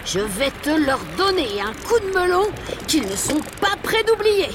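A woman's voice: extremely high pitch, big pitch swings, a little slow, heavy background noise, exaggerated voice. A woman playing a bold, protective young female sperm whale in a nature story, talking colloquially and feistily. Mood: alarmed, fierce. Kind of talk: acted nature story dialogue.

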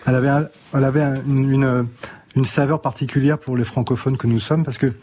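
A man's voice: medium pitch, flat delivery, a little fast, dark tone. A man, a musician guest on a radio show, talking reflectively and thinking aloud with restarts. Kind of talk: radio interview.

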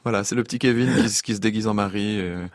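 A man's voice: lowish voice, steady tone, quick pace, dry recording. A middle-aged man with a Swiss French accent, a comedian chatting as a guest in a radio studio and rambling with many restarts. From Switzerland. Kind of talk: casual interview chat.

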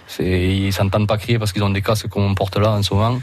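A man's voice: fairly low pitch, flat delivery, fast talker, a little hiss or hum. A man in his thirties with a Roussillon French accent, a rugby league player talking casually as a radio guest, hesitant and full of restarts.

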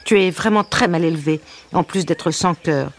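A woman's voice: lowish voice, normal speed, a little hiss or hum, close to an everyday voice. A woman doing a nasal, bossy male duck. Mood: indignant. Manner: indignant and sniffling. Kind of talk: storybook reading.

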